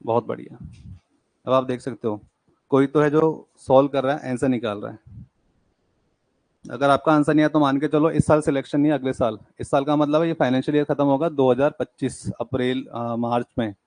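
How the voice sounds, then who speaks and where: A young man teaching an exam-prep class, working through puzzles by counting digits aloud, briskly urging students on. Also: mid-range voice, steady tone, darkish tone, no room sound. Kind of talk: live classroom lecture.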